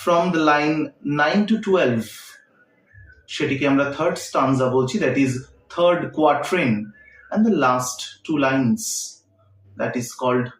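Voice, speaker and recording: A man's voice: medium pitch, very slow. Echoey male teacher explaining step by step. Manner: explains in short, paced phrases, mixing in English terms. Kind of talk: literature lecture. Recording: roomy echo, mic set far off.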